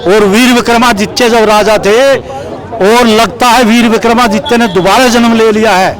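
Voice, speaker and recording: A man's voice: sits high, fairly even intonation, moderate pace, rough recording. A man speaking as an impassioned political supporter, declaiming emphatically in verse-like phrases and repeating them for effect. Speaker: street interviewee, political supporter reciting poetic praise. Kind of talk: impassioned street political oratory with rhymed verses. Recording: street recording with crowd and traffic.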